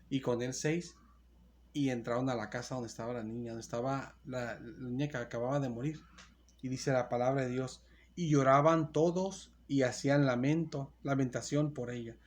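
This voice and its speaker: A man's voice: medium pitch, darkish tone, a little hiss or hum. Earnest male preacher retelling scripture. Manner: repetitive, earnest preaching with restarts and self-corrections; reads scripture aloud, then retells it. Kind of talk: sermon.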